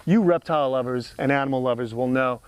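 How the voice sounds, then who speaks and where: A man's voice: mid-range voice, fast, clear, resonant tone, no room sound, poor audio. A man presenting an educational animal tour outdoors in a casual, emphatic, admiring way, as an enthusiastic host and keeper. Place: outdoors among animal enclosures.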